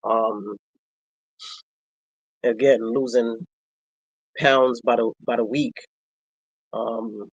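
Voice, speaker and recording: A man, telling a personal story in a reflective, halting way, with many pauses and fillers. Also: medium pitch, breathy edge, no echo, rough recording. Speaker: vlogger.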